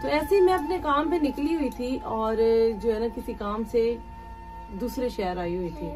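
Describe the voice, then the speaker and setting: Woman, charity vlogger; gentle, coaxing delivery, a touch high-pitched; music bed behind. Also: moderate pace. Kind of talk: emotional charity vlog, talking to camera and to children. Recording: music playing underneath.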